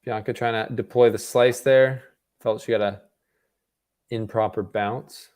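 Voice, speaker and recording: A young man from Canada talks through a tennis match for his live-stream viewers from home. His voice sits in an everyday middle pitch, and his talk is loose and conversational, full of fillers and restarts. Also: unhurried. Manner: relaxed, chatty, with filler words and self-corrections. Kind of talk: casual live watch-party commentary. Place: home room.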